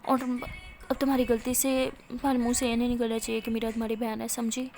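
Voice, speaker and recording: A woman voicing a devoted, protective young woman who speaks softly and coaxingly in a storytelling video. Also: a little high, level tone, close to an everyday voice. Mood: firm, gentle. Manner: soft-spoken, coaxing.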